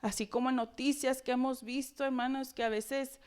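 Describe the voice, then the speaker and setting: Woman preacher, high voice, expressive sermon full of dramatic questions to the congregation. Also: normal speed, smooth.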